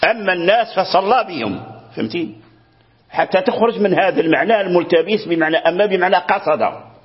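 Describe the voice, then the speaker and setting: A man's voice: high-pitched, animated, a little fast. Man teaching, dull lo-fi recording. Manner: repeats words, frequent restarts and checks for understanding. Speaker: Quran recitation teacher. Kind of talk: explaining a lesson to a student.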